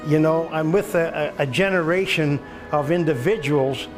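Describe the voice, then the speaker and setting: Over music, a man in his seventies from Belgium talks in a moderately paced, rather high voice. He is visiting a veteran and filming it himself, keeping the chat casual, folksy, and agreeable.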